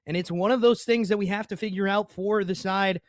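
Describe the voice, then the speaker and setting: A man's voice: sits high, steady tone, a little fast, no room sound, studio quality. A young man casting an esports match play-by-play, chatting to his stream viewers and apologizing for a bout of hiccups. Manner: hiccuping, apologetic asides to chat. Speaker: esports caster. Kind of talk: play-by-play commentary.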